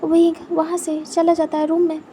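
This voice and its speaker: Woman storyteller, high voice, steady and flat delivery, mellow tone. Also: moderate pace, a little hiss or hum. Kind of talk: storytelling fan fiction aloud.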